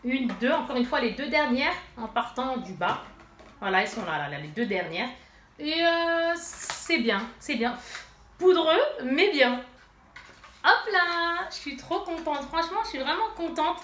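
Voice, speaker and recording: A chatty woman vlogger talks straight to her viewers, with a stuffy nose and plenty of fillers. Her voice sits a little high. The room is echoey, with faint noise behind her. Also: expressive, a little slow, a bit bright. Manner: chatty, addresses viewers directly, many fillers. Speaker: beauty vlogger. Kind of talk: casual haul and swatch demo.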